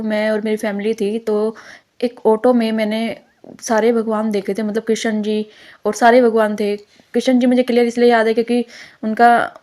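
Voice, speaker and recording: A woman's voice: mid-range voice, a little mellow. A young woman giving an earnest devotional testimony, rambling with many restarts.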